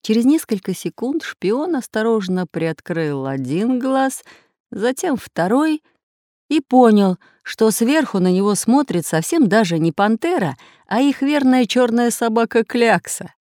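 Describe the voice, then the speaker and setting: A woman's voice: on the high side, unhurried, dry recording. Woman narrator for a children's audiobook, dry close sound. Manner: expressive storytelling.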